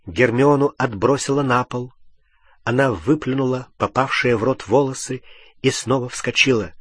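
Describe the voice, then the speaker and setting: A man narrating an audiobook in an expressive, measured reading. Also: medium pitch, breathy edge, no echo, studio quality. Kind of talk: scripted narration.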